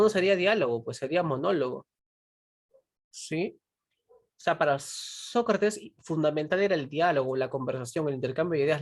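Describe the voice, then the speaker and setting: A woman with a deep voice teaches a philosophy class in an online pre-university session, recorded with clean studio sound and no room noise. She keeps checking in with her students, questioning them and pressing them to respond.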